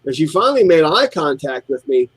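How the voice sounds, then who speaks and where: A middle-aged man from the United States tells stories in an animated way and acts out the customers he met. His voice sits a bit high for a man. The recording is dry and close, with no room sound. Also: brisk, breathy edge, no echo, low-quality recording. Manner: animated storyteller, mimics customers. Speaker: co-host. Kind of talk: casual chat while model building.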